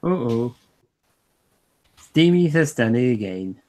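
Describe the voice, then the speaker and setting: A man's voice: mid-range voice, very animated, slow pace, dark tone. A man chatting casually on a livestream, hesitant and restarting often. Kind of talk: casual chat.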